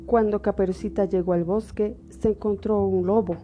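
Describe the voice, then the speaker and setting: A woman's voice: mid-range voice, steady tone, moderate pace, mellow. A woman narrating a scripted fairy tale as a storyteller. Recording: music behind the voice.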